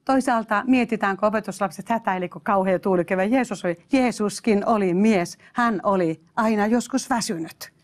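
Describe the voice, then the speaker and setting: A woman preacher giving a sermon, emphatic, exclaiming hallelujahs and speaking straight to her listeners. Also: a little high.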